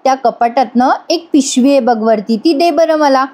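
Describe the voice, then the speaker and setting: A woman reading the lines of a kind, motherly older lady who warmly coaxes a young girl and blesses her. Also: high voice, normal speed. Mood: affectionate. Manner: affectionate, coaxing, calls the girl "child".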